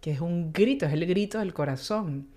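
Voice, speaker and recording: A woman interviewing a priest, responding emotionally with soft exclamations. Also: lowish voice, moderate pace. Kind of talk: conversational interview.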